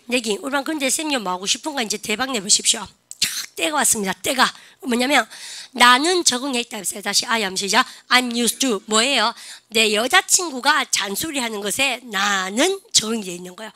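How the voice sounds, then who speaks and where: A woman teacher gives a grammar lecture in a fairly high, sharply bright voice. She fires call-and-response questions at her class and slows down to model each example sentence. The sound is close and dry. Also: no echo.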